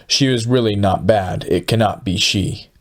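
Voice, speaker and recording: A man's voice: on the low side, moderate pace, natural voice. A man voicing a coarse, huge poor woman in a storybook, spiteful and outraged in her speech. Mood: enraged, spiteful.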